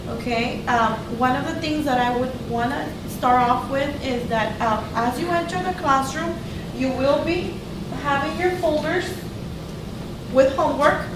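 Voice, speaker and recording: A woman helping as a kindergarten teacher, explaining things to young children step by step, a little hesitantly. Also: high voice. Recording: distant mic, echoey noisy room.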